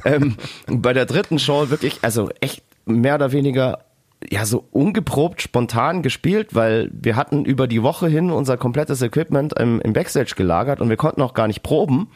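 Guy, mid-pitched, chatty storyteller, dry mic. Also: normal speed, a little mellow, dry recording. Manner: storytelling, acting out quotes in a low mumble. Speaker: podcast co-host, band member. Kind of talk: casual anecdote telling.

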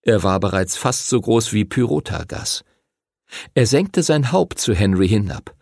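A man narrating a fantasy audiobook in an expressive storytelling manner. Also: lowish voice, unhurried, creaky, dry recording, studio quality.

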